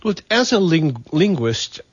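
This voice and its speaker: A man's voice: on the high side, sing-song, unhurried, husky, no room sound. A man hosting a radio interview, asking curious, searching questions. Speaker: radio host. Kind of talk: interview conversation. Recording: muffled radio broadcast.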